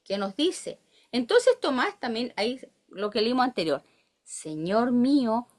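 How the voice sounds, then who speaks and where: Animated Chilean woman teaching scripture. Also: fairly high pitch, unhurried. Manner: animated, asks the listeners questions and reads verses aloud. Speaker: Bible teacher. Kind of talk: Bible study teaching.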